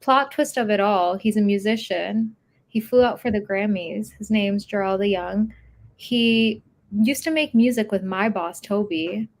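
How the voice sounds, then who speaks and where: Lively young woman chatting on a podcast. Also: mid-range voice, unhurried. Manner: lively storyteller, laughs easily. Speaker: podcast co-host. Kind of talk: casual chat.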